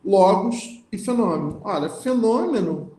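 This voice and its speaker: A man's voice: sits high, animated, unhurried, mellow, reverberant. A man lecturing on philosophy, reading passages aloud and then explaining them, often checking in with the listeners. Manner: reads passages aloud, then comments with frequent "né?" and restarts.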